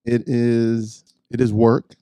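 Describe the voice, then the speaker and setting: A man talking casually on a podcast, reflective and pausing often with "um" as he shares his thoughts. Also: mid-range voice, completely flat delivery, mellow, smooth, no echo. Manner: reflective, pauses with "um". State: married one year. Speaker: podcast co-host. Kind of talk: casual chat.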